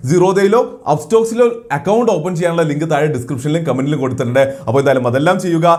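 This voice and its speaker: A man's voice: fairly high pitch, a little mellow. A man hosting a finance channel, explaining an IPO review and mixing English terms into his speech. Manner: brisk, mixes English terms into Malayalam.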